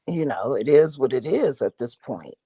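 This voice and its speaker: A woman's voice: very deep voice, expressive, measured pace, warm tone, slightly rough, dry recording, clean studio sound. A woman on a reality TV review panel, talking candidly and often saying "you know". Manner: candid, drops into quoted asides, frequent "you know". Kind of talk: casual reality TV review chat.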